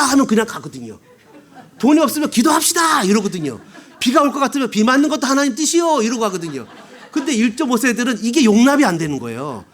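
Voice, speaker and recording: Animated high-voiced male pastor preaching. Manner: lively storytelling, acting out quoted voices with humorous asides. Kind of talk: Sunday sermon. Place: church sanctuary.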